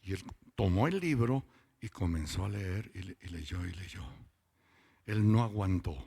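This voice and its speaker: A man preaching a testimony at a church meeting, with a low, gravelly, somewhat husky voice. He talks in a storyteller's way and slows right down on key words for emphasis. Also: lively intonation, warm tone. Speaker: lay preacher giving testimony. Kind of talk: testimony sermon.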